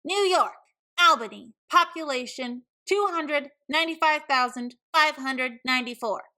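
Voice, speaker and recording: A woman puts on a big, boastful capybara schoolgirl from a children's storybook. She is brash and bossy, showing off loudly. The voice is forceful and raised in pitch. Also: a little slow. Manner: loud, brash, show-off delivery.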